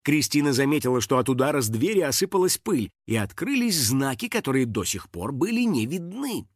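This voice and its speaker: A man narrating a children's audiobook in an expressive storytelling manner. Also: mid-range voice, fairly quick, dry recording, studio quality.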